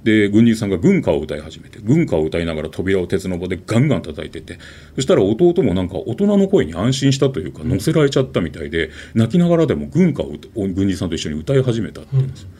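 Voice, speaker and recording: Guy telling a ghost story, low husky voice, really animated. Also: fast. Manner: animated, dramatic storytelling with sound words.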